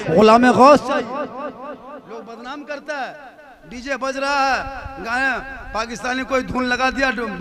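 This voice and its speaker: A man preaching a fiery sermon in rhythmic rhetorical lists that build toward shouting. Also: very high-pitched. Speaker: Islamic preacher. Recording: crowd noise behind. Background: crowd audible.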